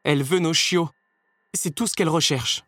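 A man's voice: on the high side, moderate pace, a bit bright, no room sound, voice pushed up. A man voicing an anxious, tearful mother dalmatian in a storybook reading. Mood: fretful. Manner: fretful, tearful.

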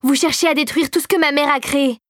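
A determined young girl in a storybook, speaking up defiantly with a lifted, higher voice, voiced by a woman reader. Dry, close recording. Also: steady tone, fast talker, fairly bright tone, no echo.

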